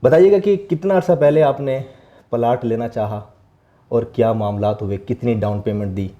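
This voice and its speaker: Man, host, emphatic investigative reporting, warm mellow voice, mid pitch. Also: normal speed, muffled recording. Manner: earnest, emphatic, accusatory.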